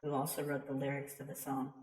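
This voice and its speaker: A woman's voice: rumbling low, completely flat delivery, fast, darkish tone. A woman giving casual, rambling, chatty commentary as a game streamer, with some hesitation. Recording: roomy echo, distant from mic.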